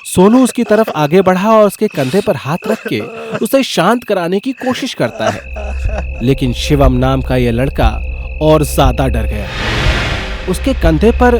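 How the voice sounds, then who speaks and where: A man narrating a scripted comic horror story in a wry, lively manner. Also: high voice, measured pace, faint music behind.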